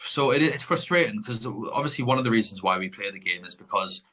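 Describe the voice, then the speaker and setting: A man's voice: on the low side, animated, brisk, bright, forceful tone. A man co-hosting a podcast, chatting casually and rambling as he corrects himself mid-sentence. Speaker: podcast co-host. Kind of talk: casual chat.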